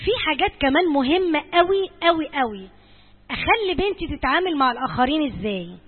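A woman's voice: high voice, sing-song, quick pace, long reverb tail, phone-quality sound. An Egyptian woman giving an earnest church talk to mothers, speaking directly and repeating points for emphasis. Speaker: church servant advising mothers.

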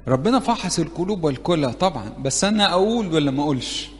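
A man's voice: on the high side, expressive, rapid-fire. A man with an Egyptian Arabic accent preaching an interactive sermon to young people, chatty and playful, often putting questions to his audience. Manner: conversational, playful, keeps asking the audience questions. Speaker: church preacher teaching youth. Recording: long reverb of a large hall.

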